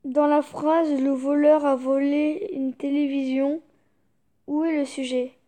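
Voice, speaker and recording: High-voiced young woman, slow and mellow. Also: level tone. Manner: fighting back giggles, muttering reactions. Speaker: YouTuber. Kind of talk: reading jokes aloud in a laugh challenge.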